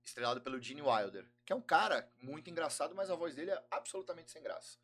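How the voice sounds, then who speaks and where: A man's voice: a little high, animated, quick pace, a bit bright, faint music behind. A Brazilian man with a Brazilian Portuguese accent, a podcast guest chatting casually and explaining things at length with enthusiasm.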